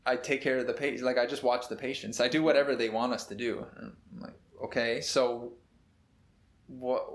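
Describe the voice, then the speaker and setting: A man in his twenties, a medical student from Minnesota, telling a long story in a casual, rambling way with lots of fillers. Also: medium pitch. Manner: laid-back, rambling with many fillers and laughs. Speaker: medical student, podcast co-host. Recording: echoey room.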